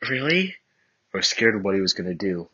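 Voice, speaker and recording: A man's voice: low-pitched, steady tone, rapid-fire, sharp tone, slightly rough, lo-fi sound. A man reading fan fiction aloud with dry, sarcastic asides.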